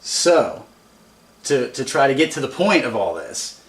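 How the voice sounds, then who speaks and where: A man's voice: medium pitch, very animated, measured pace, recorded from a distance. Chatty man in an echoey room. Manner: chatty, emphatic, argues his point. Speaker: podcast co-host. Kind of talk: casual fantasy sports chat.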